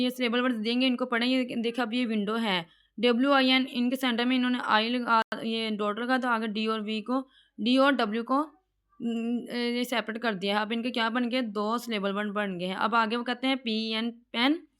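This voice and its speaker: A woman teaching an online class, explaining step by step and reading English sentences slowly before translating them. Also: a little high, fairly bright tone, smooth.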